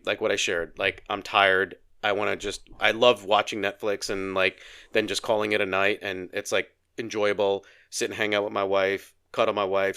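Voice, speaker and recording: Bright-voiced man, animated podcast co-host. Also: fairly low pitch, smooth. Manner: animated storyteller, acts out quoted dialogue. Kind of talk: casual conversation.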